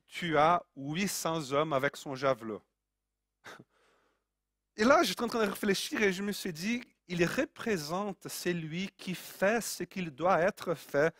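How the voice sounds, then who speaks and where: A man's voice: high voice, a bit bright, no echo, studio quality. A man preaching a sermon in a Brazilian accent, earnest and repeating key phrases for emphasis.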